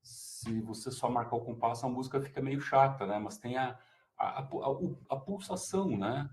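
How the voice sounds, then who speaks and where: A man in a casual discussion, halting as he searches for words. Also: mid-range voice, a little mellow, slight background noise.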